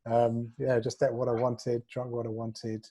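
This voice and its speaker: His mid-range voice is monotone, mellow, and a little slow. He's an interview guest and fitness coach from North London, around forty, in his 30s or 40s, whose London-accented replies are casual, modest, and self-effacing.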